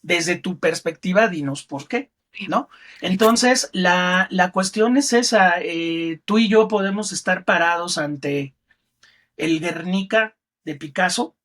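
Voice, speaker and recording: A man's voice: high voice, takes it slowly. A middle-aged man with a Mexican accent, a film critic talking as a guest in a podcast interview and telling stories expressively. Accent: Mexican Spanish. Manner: expressive storyteller who acts out quotes in other voices.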